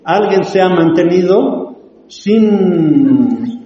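Halting man reading aloud in a big echoey room. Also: sits high, animated. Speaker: audience member reading a quote. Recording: dull, distant, very echoey hall audio.

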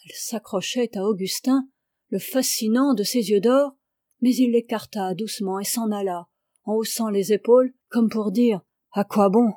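A woman narrating a classic novel in a measured, expressive reading. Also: on the high side, no echo, clean studio sound. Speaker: audiobook reader. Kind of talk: literary audiobook narration.

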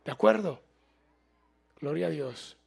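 High, gravelly-voiced preaching man. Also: expressive, slow. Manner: preaching, rising to loud emphatic bursts, asks the room. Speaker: pastor. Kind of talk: sermon.

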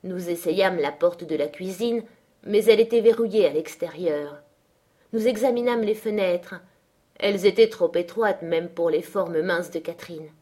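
Woman narrator for a literary audiobook, measured and steady delivery. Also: on the low side.

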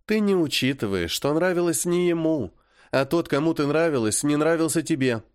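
Man playing stern older sister, cool lecturing tone, raised pitch, lively. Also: moderate pace, smooth, no room sound, studio quality, natural voice.

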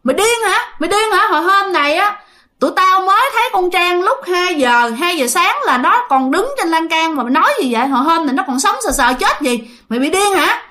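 A woman doing a shrill, annoyed young man. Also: lively intonation, a little fast, pushed and bright, full character voice. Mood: incredulous. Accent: Southern Vietnamese. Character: groggy irritated young man woken too early.

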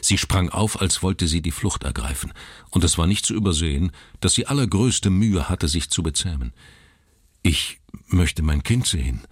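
A man narrating a literary story in a measured, dramatic reading. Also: low-pitched, lively intonation, slightly rough, dry recording, studio quality.

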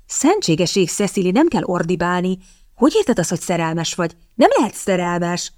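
Woman reading as determined young elder sister, impatient, brisk, exasperated, dry audio. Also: fairly low pitch, sing-song, a little mellow, no echo.

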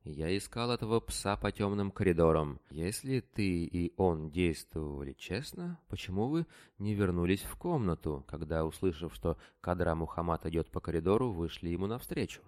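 A man's voice: low voice, expressive, normal speed, a little mellow. A man voicing a growling wounded Turkish warrior. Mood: angry. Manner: growling, angry.

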